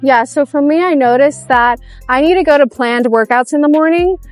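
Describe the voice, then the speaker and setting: A woman's voice: sits high, normal speed, faint music behind. A young woman chatting casually into her camera while out on a walk, upbeat and giggly. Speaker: vlogger. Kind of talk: casual vlog chat while walking. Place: outdoors on a walk.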